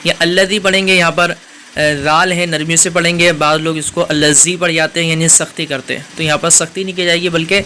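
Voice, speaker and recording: Male teacher, patient step-by-step delivery, slightly high pitch, light background hum. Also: fairly even intonation, bright, forceful tone. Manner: patient, methodical, spells out letters and rules. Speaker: Quran teacher. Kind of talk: step-by-step tajweed lesson.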